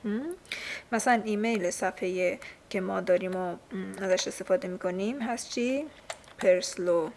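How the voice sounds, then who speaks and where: A woman with a Persian accent, her mid-range voice darkish in tone, patiently works through a textbook in a casual recorded language lesson, using plenty of fillers. There is slight background noise.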